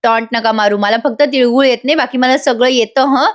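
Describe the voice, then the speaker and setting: A woman voicing a stubborn, sharp-tongued young wife in a serial recap, indignant and snapping back. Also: on the high side, a little fast, natural voice.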